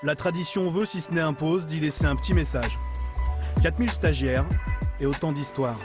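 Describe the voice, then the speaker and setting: A man reading a scripted news voice-over at a measured, rhythmic pace. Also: a little high. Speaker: narrator. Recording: voice-over with music bed.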